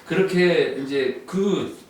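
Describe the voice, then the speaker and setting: A man speaking as a guest author in a relaxed, conversational way, unhurried and thinking aloud with fillers. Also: a little high. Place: book cafe. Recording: roomy distant sound, faint noise.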